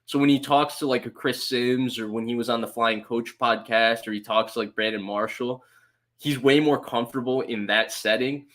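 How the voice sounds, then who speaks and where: A man with a bright, forceful voice hosts a sports talk podcast. He chats in an observant, talkative way, often leaning on "like" as filler. His pitch sits in the middle. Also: fairly even intonation, normal speed. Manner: chatty and observant, many fillers like "like". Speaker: podcast host.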